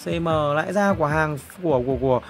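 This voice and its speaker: A young man, streaming himself opening player packs in a football game. He is excitable and swings from loud exclamations to low muttering. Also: fast, soft background music. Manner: excitable, exclamatory, jumps between shouting and muttering.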